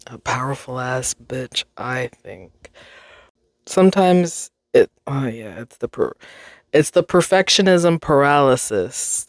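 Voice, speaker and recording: A woman's voice: extremely low pitch, no echo. Dry, rambling young woman podcaster. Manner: rambling, self-interrupting, swears freely. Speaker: podcast host. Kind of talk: casual solo podcast monologue.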